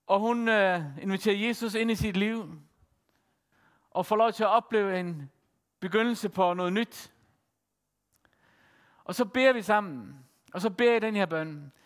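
A man preaching a sermon as pastor, telling a story in a measured way with frequent pauses and fillers. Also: high-pitched, a bit bright. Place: church. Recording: church hall with long reverb.

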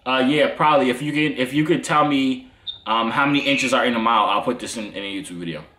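In a small indoor room, an American YouTuber in his twenties banters teasingly with strangers and throws asides to his viewers. His voice is medium-pitched, quick, and sharp. The room is echoey, with faint noise in the background.

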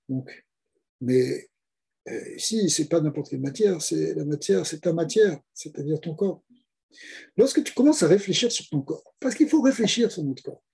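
Husky, mellow-voiced rabbi teaching. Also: male voice, fairly high pitch. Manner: rhetorical questions, explains step by step, repeats key words. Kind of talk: Torah lesson.

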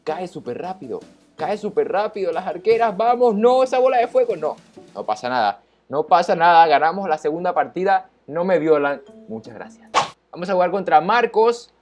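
A man giving live commentary on his own mobile game match, excitable, repeating his phrases and yelping and cheering at the action. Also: high-pitched, normal speed, soft background music. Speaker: gaming YouTuber.

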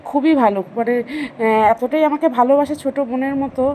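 A woman's voice: high voice, brisk, dark tone, a little hiss or hum, low-quality recording. A middle-aged woman vlogger narrating family photos in a chatty, affectionate way, stopping to explain who is who in the family.

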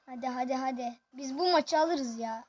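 Excitable high-pitched gaming commentator. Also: normal speed, lo-fi sound. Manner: excitable, chatty, addresses viewers constantly. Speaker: gaming video host. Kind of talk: excited live gameplay commentary.

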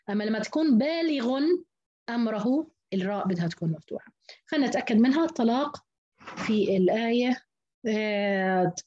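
A woman's voice: medium pitch, darkish tone, breathy edge, dull audio. Woman recitation teacher, mid-range voice, patient step-by-step lecturing with spoken examples. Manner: explains step by step, repeating words to model pronunciation. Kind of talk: lecture on Quranic reading variants.

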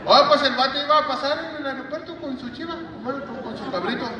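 A Mexican man with a high voice tells crude jokes on stage, dropping each punchline deadpan. He is picked up from far off in a big echoing hall, with a noisy crowd around him. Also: fast. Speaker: stand-up comedian. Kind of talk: stand-up joke telling on stage. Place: large auditorium. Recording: echoey hall audio from far off, loud crowd.

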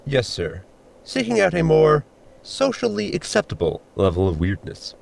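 Playing a dutiful ship robot in a sci-fi comedy audio drama, a man uses an exaggerated voice that's a little high, with vocal fry and a moderate pace. He sounds formal, precise, deadpan and deferential.

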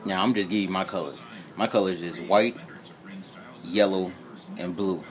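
The speaker is an American man from Indiana whose low-pitched voice holds a steady tone at a moderate pace. He's an amateur sneaker reviewer doing a rambling, jokey, colloquial vlog chat, recorded on an old flip phone held behind the camera in a room at home.

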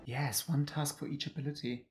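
A man co-hosting a reaction video, chatting casually and animatedly about an episode, quick to laugh. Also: fairly high pitch, steady tone. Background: show audio and music playing.

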